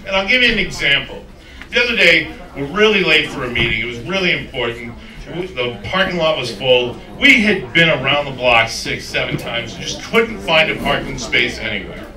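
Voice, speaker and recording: Animated and forceful, a stand-up comedian with a bright, mid-range voice speaks at normal speed in a rambling, self-mocking routine packed with crude humor. The mic is distant, catching roomy comedy club sound and the audience's laughter.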